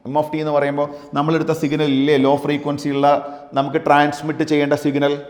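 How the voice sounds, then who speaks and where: A male physics teacher lecturing a class, dictating definitions slowly and asking his students questions. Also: fairly high pitch, a little mellow. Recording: echoey room with long reverb.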